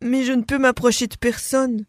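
A woman voicing a gentle, polite, lonely wolf in a storybook, speaking softly and plaintively. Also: fairly high pitch, level tone, normal speed, no room sound, studio quality, pitched above the performer's own voice, lightly acted. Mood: timid. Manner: soft, plaintive. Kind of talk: storybook reading.

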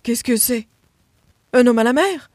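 A woman voicing a gruff but kind male farm dog in a storybook, close to her own voice. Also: a little high, lively intonation, unhurried, a little mellow, no room sound, voice pushed up. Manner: gruff then kindly.

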